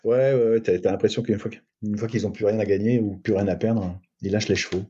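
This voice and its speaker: A man's voice: on the low side, fairly even intonation, fast talker, warm tone, husky. A middle-aged man as a podcast guest, giving thoughtful rugby analysis with many hesitations and restarts. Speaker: guest sports agent. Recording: muffled lo-fi recording.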